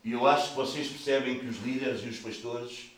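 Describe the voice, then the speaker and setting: A male pastor with a European Portuguese accent preaching a sermon, lively, swinging from loud bursts to soft asides. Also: mid-range voice, fairly quick, slight background noise. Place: large church hall. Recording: very echoey hall, mic at a distance.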